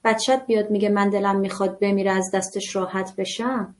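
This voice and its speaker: A woman's voice: mid-range voice, fairly even intonation, darkish tone. A woman giving a live online parenting class in a conversational manner, often putting rhetorical questions to her listeners. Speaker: parenting instructor.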